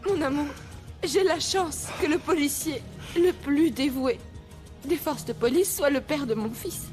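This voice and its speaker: A woman's voice: high voice, a little slow, a little mellow, faint music behind. A woman dubbing a devoted wife in a telenovela, tender and soothing. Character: loving, devoted young wife. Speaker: wife comforting her husband. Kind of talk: dubbed telenovela acting.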